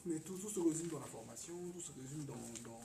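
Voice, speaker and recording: In a casual radio chat, a guest from the Ivory Coast talks briskly in a fairly high, creaky voice with lively intonation, crowd noise behind him. He hesitates, repeats words and stresses points at times. The room echoes, and he sounds far away over faint noise.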